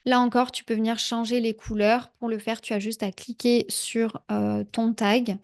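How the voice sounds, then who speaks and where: A woman talking a viewer through a software tutorial in a casual, chatty way, with frequent fillers. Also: a little high, little pitch movement, moderate pace, vocal fry. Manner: chatty, many "heu" fillers, speaks directly to viewer. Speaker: productivity tutorial creator. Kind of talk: casual screen-share tutorial.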